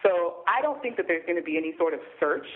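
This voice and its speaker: A man on the phone giving his views in a casual discussion, pausing often with ums and uhs. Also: sits high, expressive. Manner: hesitant, many ums and uhs. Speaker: guest commentator. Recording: tinny phone line.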